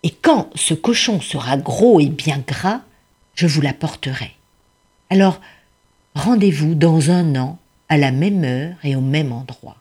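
A woman's voice: deep voice, lively intonation, unhurried, darkish tone, slightly rough, full character voice. A woman voicing a poor, grateful male woodcutter who speaks earnestly and deferentially in a storybook tale. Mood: humble. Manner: earnest and deferential, addressing a tigress as royalty.

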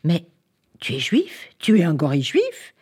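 A woman's voice: low-pitched, huge pitch swings, unhurried, dark tone, breathy edge, heavily acted. A woman voicing an eager, wonder-struck little girl in a storybook tale. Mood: curious. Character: excited dreamy little girl.

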